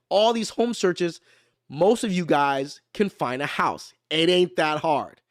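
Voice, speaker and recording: Guy with kinda high voice, casual and jokey, keeps going "right?", dry close sound. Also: no room sound. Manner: conversational, keeps asking "right?"; slangy and playful. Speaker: mortgage lender hosting a live stream. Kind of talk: casual explainer talk.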